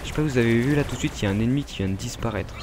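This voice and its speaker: A man's voice: mid-range voice, very fast, over music. A man with a French accent giving casual, rambling gameplay commentary, full of fillers and asides to his viewers. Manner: rambling, filler-heavy, addresses viewers directly. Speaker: gaming YouTuber.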